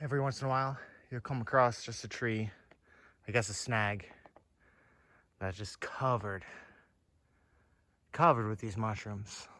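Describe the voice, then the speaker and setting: Low-voiced man narrating a hike outdoors. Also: steady tone, measured pace, long pauses, fairly bright tone, a little hiss or hum. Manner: easygoing, rambling, many "like" and "uh" fillers. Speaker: hiker filming a trail vlog. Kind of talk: casual walking narration. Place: outdoors on a wooded mountain trail.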